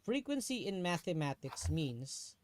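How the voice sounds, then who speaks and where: A man's voice: sits high, very animated, a little slow, slight background noise. A man tutoring a student in a live online lesson, patient, often checking that she follows.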